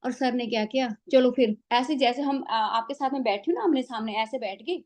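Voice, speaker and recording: A woman's voice: on the high side, fairly quick. A woman sharing a heartfelt spiritual experience, acting out the dialogue as she goes. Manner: animated storytelling, acts out dialogue. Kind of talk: emotional personal testimony.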